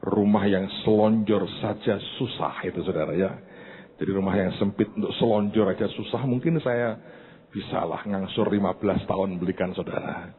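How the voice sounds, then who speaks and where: A man pastor preaching a sermon in a church, telling a story in an animated way and speaking directly to the congregation. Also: on the low side, moderate pace. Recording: tinny phone-like sound.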